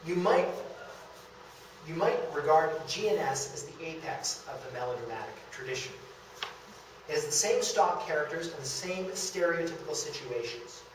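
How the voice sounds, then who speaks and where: A young man with a highish voice and lively intonation delivers a scripted public lecture on local theatre history, speaking at moderate pace from a podium in a meeting room. He is recorded by a distant camera microphone, so the room sounds echoey with background hiss.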